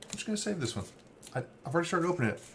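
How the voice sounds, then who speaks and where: A man's voice: fairly high pitch, very animated, rapid-fire. A man hosting a card break, casually rambling as he reads off player names. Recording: faint background noise.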